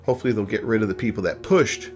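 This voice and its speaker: A man's voice: lowish voice, fast, darkish tone. A man hosting a gaming channel, giving casual opinion commentary in a rambling way, often tagging on "right?" and "you know".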